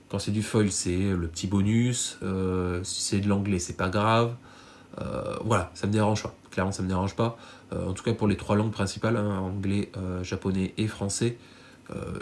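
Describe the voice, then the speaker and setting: A man talks through his card purchases in a loose, rambling way, full of "euh" and restarts. His voice is nasal and stuffed up from a cold, sitting a little low. A faint hum runs underneath. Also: a little mellow. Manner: rambling, many fillers and self-corrections. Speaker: card collector YouTuber. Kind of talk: casual unboxing chat to viewers.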